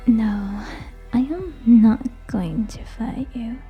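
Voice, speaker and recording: In a scripted ASMR roleplay, a woman plays a haughty, teasing tsundere vampire, whispering close to the mic in a deliberate, scornful way. Her voice is a little high and warm, and the mood is dismissive and scornful.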